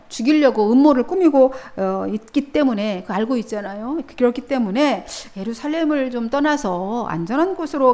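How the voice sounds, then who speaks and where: A woman's voice: a little high, mellow. A woman pastor preaching a sermon in a church, telling the story vividly with casual asides to the congregation.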